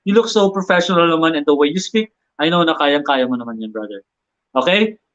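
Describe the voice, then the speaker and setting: Chatty high-voiced man hosting. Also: animated, fast talker, fairly bright tone. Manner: chatty, mixes English and Filipino, jokes. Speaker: interview host. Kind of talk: casual online interview. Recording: dull lo-fi online audio.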